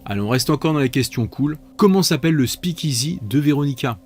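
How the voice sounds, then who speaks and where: A man's voice: a little high, lively intonation, fairly quick, darkish tone, soft background music. A man hosting a multiple-choice quiz, reading out questions and options with playful, chatty asides. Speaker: quiz host.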